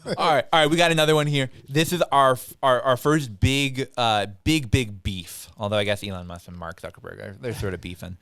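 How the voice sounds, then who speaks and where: A young man with a smooth, clear voice hosts a relaxed podcast conversation. He talks in animated, quick bursts and slips into playful voices when quoting people. The sound is close and dry, with almost no room echo. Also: medium pitch. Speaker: podcast host. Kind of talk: casual chat.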